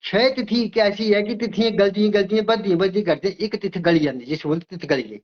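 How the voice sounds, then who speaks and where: A man's voice: high voice, brisk, lo-fi sound. An older man who works as an astrologer, from Himachal Pradesh, explaining emphatically in an interview and often repeating his words. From Himachal Pradesh, India.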